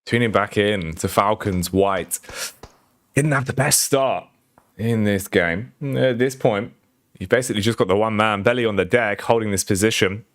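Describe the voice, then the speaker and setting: A man giving live esports play-by-play commentary, quick and rising in pitch on big plays. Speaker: esports caster.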